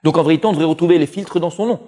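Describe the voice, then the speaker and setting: A man, a rabbi, giving an animated Torah lesson, speaking straight to his listeners. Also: on the high side, very fast. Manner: animated, addresses listeners directly, full of Hebrew terms.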